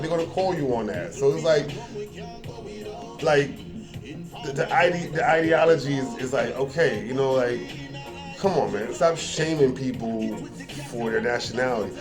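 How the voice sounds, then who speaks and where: A man giving a casual, rambling monologue, often repeating words and building to emphatic points. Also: fairly high pitch.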